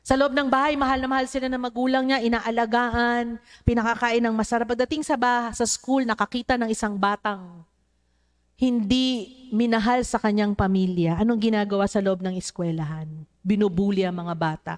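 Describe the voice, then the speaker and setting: A woman's voice: fairly high pitch, fairly even intonation, moderate pace. A woman preaching a sermon to a congregation, mixing English into her talk and acting out the voices of children in her stories. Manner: mixes English into Tagalog, addresses the congregation.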